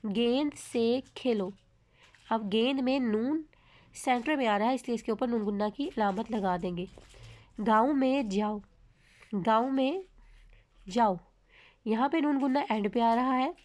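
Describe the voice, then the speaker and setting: A woman teaching a children's grammar lesson, her voice sitting a little high. She has a Pakistani Urdu accent and explains patiently, stretching each example word out slowly and clearly. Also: darkish tone. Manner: explains slowly, reads example words drawn out.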